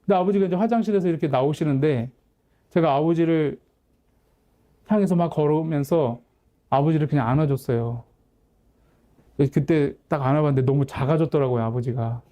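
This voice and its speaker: A man's voice: fairly high pitch, fairly quick, long pauses, muffled recording. A man in his forties, a pastor and counselor, telling a personal family story in a candid, conversational sermon.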